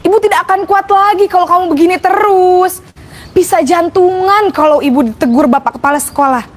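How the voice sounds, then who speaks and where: A woman acts out a schoolteacher whose voice sits very high and thin, snapping sarcastic reproaches and then sighing heavy, pleading complaints. It is a staged classroom role-play for a teacher-training video, with a nagging, exasperated edge throughout. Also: unhurried, pushed and bright, heavily acted. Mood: guilt-tripping. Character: stern then guilt-tripping female schoolteacher.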